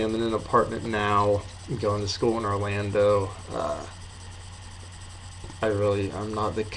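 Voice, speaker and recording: Slightly muffled by a lip full of dip, an eighteen-year-old man gives a rambling, offhand video review in a hesitant, low-key manner. He's in an apartment bedroom, and the recording has noisy room sound.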